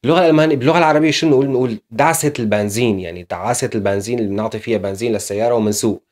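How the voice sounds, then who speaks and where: A man's voice: mid-range voice, very fast, darkish tone. A man teaching German in a casual video lesson, explaining step by step with frequent fillers.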